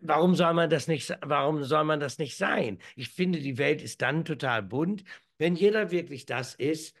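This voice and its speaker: Gravelly middle-aged man joking on a video call. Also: on the high side, moderate pace, a bit bright. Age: 50s. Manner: rambling, joking, many restarts. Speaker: co-host. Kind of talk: casual comedic chat. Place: room at home, indoors. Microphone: video call webcam.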